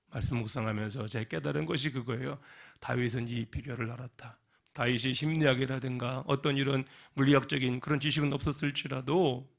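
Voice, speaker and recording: A male pastor preaching a sermon in a lively way, often putting questions to the congregation. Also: medium pitch, vocal fry. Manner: animated, asks the congregation questions. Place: church.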